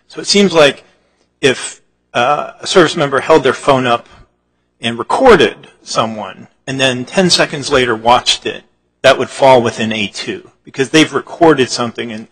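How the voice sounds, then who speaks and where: A man's voice: medium pitch, fairly bright tone, breathy edge, poor audio. A male appellate judge questioning counsel in a courtroom, working through his point aloud. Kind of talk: questioning counsel at oral argument.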